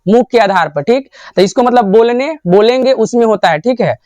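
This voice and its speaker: A man's voice: extremely high pitch, lively intonation, fairly quick, darkish tone, no echo, lo-fi sound. Male teacher drilling answers. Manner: asks a question, then answers and repeats it. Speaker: Hindi grammar teacher. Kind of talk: classroom lecture.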